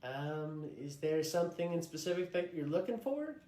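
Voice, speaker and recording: A man plays a patient young female shop clerk in a comedy skit, soft-spoken and polite, in customer service style. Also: a little high, sing-song, normal speed, echoey room.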